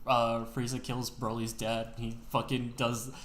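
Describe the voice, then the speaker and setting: A man's voice: medium pitch, completely flat delivery, unhurried, fairly bright tone. A young man co-hosting a casual podcast chat, rambling through long explanations with many fillers. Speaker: podcast co-host. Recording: echoey room.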